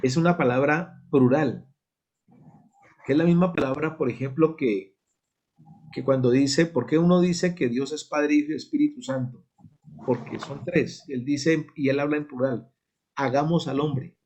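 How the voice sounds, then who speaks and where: A man's voice: medium pitch, a little slow, darkish tone. A man with a Colombian Spanish accent teaching a church Bible study, explaining step by step and checking in with the class. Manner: explanatory, asks "¿sí?" to check understanding.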